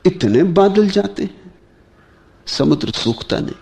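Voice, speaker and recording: A man giving a slow, measured spiritual discourse, pausing often and asking his listeners rhetorical questions. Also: high-pitched, lively intonation, creaky, darkish tone, a little hiss or hum. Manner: slow, measured delivery with long pauses. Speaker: spiritual teacher.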